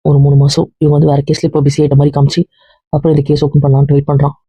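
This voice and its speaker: A man voicing a calm young man who explains and reassures, with a husky voice. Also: on the high side, rapid-fire, no echo. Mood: explaining. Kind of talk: Tamil family drama dialogue. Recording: dull dry lo-fi recording.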